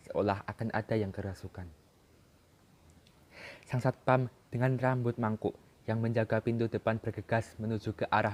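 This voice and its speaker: A man's voice: fairly low pitch, a little mellow. A man doing a dramatic reading of a literary short story, narrating expressively and raising his voice at climaxes.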